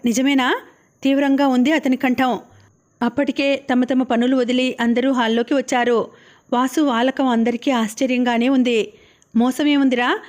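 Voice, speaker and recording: A woman narrating an audiobook of a novel, reading all the characters' lines in her own voice. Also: sits high.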